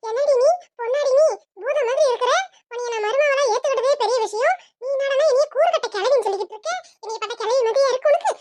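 A woman's voice: very high voice, fast talker, noisy background. A woman voicing a bossy, scolding middle-aged mother-in-law with a Tirunelveli Tamil accent. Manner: scolding, sharp-tongued.

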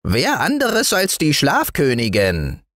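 A man voicing a small gray male forest dwarf in a bedtime storybook, with a thin, high voice and a scolding manner. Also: slow pace, no echo, studio quality, full character voice. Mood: stern. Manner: scolding, lively. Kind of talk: storybook reading.

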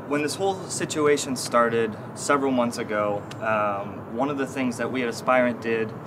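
A man in his thirties, a guest consultant, explaining his work in an outdoor interview with many fillers and restarts. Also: mid-range voice. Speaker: consulting team lead, guest. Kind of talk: corporate interview. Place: outdoor stone bench in an urban courtyard. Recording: outdoor city noise behind.

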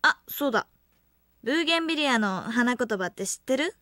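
A woman's voice: a little high, animated, brisk, bright, forceful tone, no room sound, studio quality. An actress voicing a shy, sweet young idol girl in a dating game.

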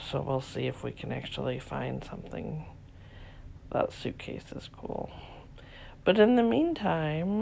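A woman vlogger and reseller casually narrating as she browses an antique store, softly marveling and sometimes dropping to a whisper. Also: low-pitched, vocal fry, a little hiss or hum. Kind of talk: casual shop-along narration. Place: cluttered indoor antique store.

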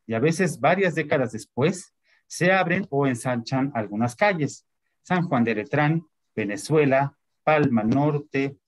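A man gives an online lecture. He talks at a medium pitch, reading out dates and lists and filling his pauses with many hesitations.

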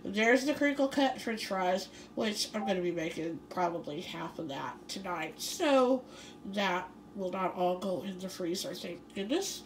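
A woman talks her way through a grocery haul in her home kitchen, chatty and rambling. She fills pauses with um and you know and laughs often. Her voice sits at an ordinary pitch, with a faint hiss in the background. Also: animated. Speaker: vlogger. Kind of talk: casual grocery haul vlog.

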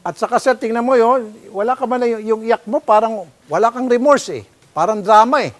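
A man's voice: very high-pitched, brisk. A man with a Filipino accent hosting a public-service show, questioning people sternly and scolding them. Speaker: host. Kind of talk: confrontational public-service broadcast.

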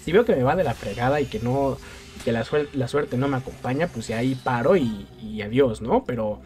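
A Mexican-accented man gives casual commentary on his game pulls, and his voice swings widely in an animated way. He sounds exasperated and mocks himself as he talks. Faint music plays behind him. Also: medium pitch, fairly quick. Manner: exasperated, self-mocking, laughs a lot. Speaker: gaming youtuber.

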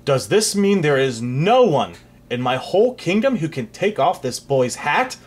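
A storyteller voicing an impatient male king who barks loud commands, with a husky voice. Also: medium pitch, big pitch swings, normal speed. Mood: commanding.

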